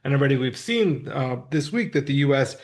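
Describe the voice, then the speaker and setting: A man's voice: mid-range voice, lively intonation, brisk. A man co-hosting a podcast, explaining politics in a casual, thoughtful, plain-spoken way. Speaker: podcast co-host. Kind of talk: casual discussion.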